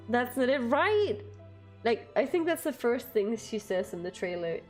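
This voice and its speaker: A young Danish woman with a light accent chats casually with her live stream viewers, often laughing between phrases. Her voice is on the high side.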